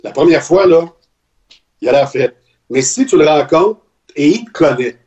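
A man with a somewhat high voice and a Québécois French accent tells a story in easy, chatty podcast talk. The audio is a little dull and lo-fi. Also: animated, normal speed, darkish tone. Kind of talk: casual podcast chat. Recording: slightly dull lo-fi sound.

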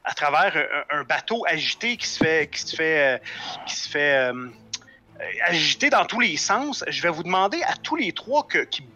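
Lively, bright-voiced male game master. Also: fairly high pitch. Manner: halting, repeating phrases as he searches for words. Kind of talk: improvised tabletop game narration.

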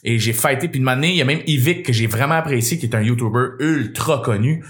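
A man's voice: mid-range voice, quick pace. A man with a Québécois accent, a comedian telling a story on a podcast with lots of swearing. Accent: Québécois French. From Quebec. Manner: animated, profane storyteller. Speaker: comedian guest.

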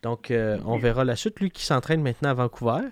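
A man's voice: medium pitch, a little fast, no echo, clean studio sound. A man with a Québécois accent hosting a casual boxing podcast, chatting with fillers and hesitations. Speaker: podcast host.

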